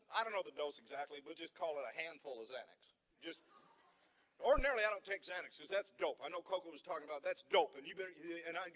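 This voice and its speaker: Male stand-up comic in his fifties, high voice, rambling storyteller who keeps restarting his sentences on a theater stage. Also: pushed and bright. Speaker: stand-up comedian. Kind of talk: stand-up comedy routine.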